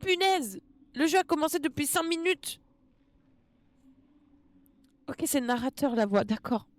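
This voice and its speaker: A woman's voice: high-pitched, expressive, measured pace, no room sound. A woman with a French accent streaming a game live, tearful, emotional, exclaiming and repeating herself.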